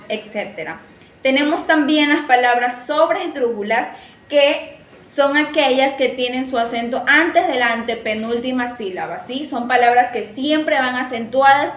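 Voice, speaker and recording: A young female student presents to her classmates and explains each point, often stopping to check that they follow. Her voice is a little high. It rings in an echoey room with faint background noise. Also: a bit bright. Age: young adult.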